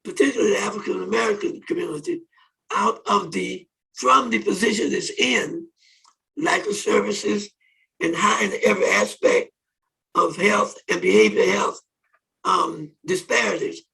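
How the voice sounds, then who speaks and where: Hoarse man with a gravelly voice. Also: high voice, bright, forceful tone, distant mic, rough recording. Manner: halting, many ums and restarts. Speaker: conference host. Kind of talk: opening remarks on online radio. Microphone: phone or conference call.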